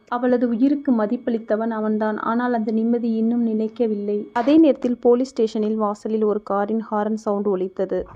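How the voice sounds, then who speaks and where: A woman narrating a romantic story and reading every character's lines in her own steady voice. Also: a little high, lo-fi sound.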